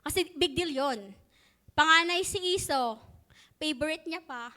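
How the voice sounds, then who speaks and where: A woman's voice: sits high, a little slow, sharp tone. A woman teaching at church, retelling a Bible story in a chatty way with joking asides.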